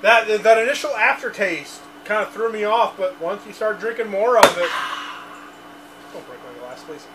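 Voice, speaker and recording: A man in his thirties co-hosts a casual beer review at a basement bar, goofy and prone to loud outbursts. His voice sits high for a man. He is heard from across the room through a distant camera, with a faint hiss. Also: animated, normal speed. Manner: goofy, blurts out lines and song bits. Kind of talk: casual chat. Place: dim basement bar, indoors. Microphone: far camera.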